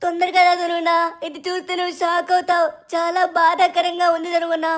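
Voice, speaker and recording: A woman's voice: very high-pitched, monotone, fast. Shin Chan, a cheeky little boy, voiced by a woman. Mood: urgent. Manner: pleading, chatty, calls the host big brother. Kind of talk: fan dub of a game story.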